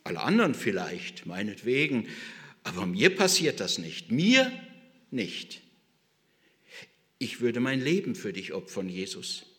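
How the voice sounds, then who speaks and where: A man's voice: medium pitch, wildly swooping pitch, a little slow, long pauses, fairly bright tone, in a large hall, voice pushed down. A man playing the disciple Peter, protesting his loyalty with indignant emphasis.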